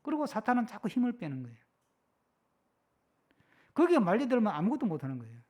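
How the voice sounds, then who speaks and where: A middle-aged male pastor preaching a sermon in an animated way, often checking with the congregation. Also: sits high, fast talker. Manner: animated, keeps asking the congregation "yes?".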